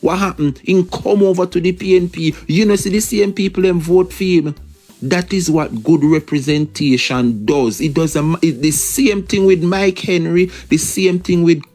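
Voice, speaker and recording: A man's voice: sits high, moderate pace, darkish tone, faint music behind. A man with a Jamaican accent giving casual political commentary, emphatic and repetitive, slipping into patois.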